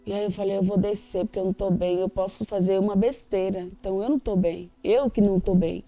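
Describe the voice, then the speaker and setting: Gravelly Brazilian woman telling her story. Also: mid-range voice, fairly even intonation, fast, mellow, soft background music. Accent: Brazilian Portuguese. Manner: emotional, candid storytelling that acts out quoted dialogue. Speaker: interviewee. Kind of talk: personal testimony in a church documentary interview.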